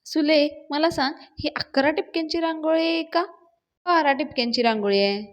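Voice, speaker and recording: A woman's voice: high voice, moderate pace, pitched above the performer's own voice, close to an everyday voice. A woman voicing a boastful, teasing older village father-in-law in a sing-song manner.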